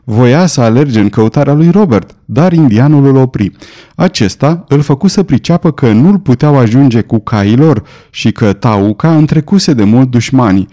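A male narrator reads a classic adventure story in a steady, measured delivery. His voice is mellow and dark, at a middle pitch for a man. The reading stays even and unhurried. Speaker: audiobook narrator. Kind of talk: scripted narration.

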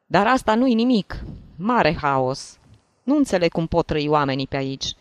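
A coarse, blustering rich man from a classic story, as a reader voices him. He speaks gruffly and brusquely. The sound is close and dry. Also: mid-range voice, very animated, no echo, natural voice. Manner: gruff and brusque, shouting at a child. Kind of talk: audiobook reading of a classic story.

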